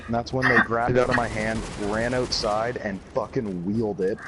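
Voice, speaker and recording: A young man telling a rambling party anecdote, swearing constantly and getting loud when he quotes people. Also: on the low side, normal speed. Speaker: storyteller. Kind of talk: casual anecdote to camera. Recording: loud steady background noise.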